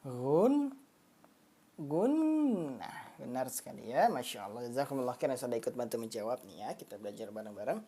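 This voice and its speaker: A woman with a low, mellow voice leads a live online recitation lesson. She explains patiently, repeats herself, and draws example words out slowly. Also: fairly even intonation, slightly rough. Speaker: Quran recitation teacher.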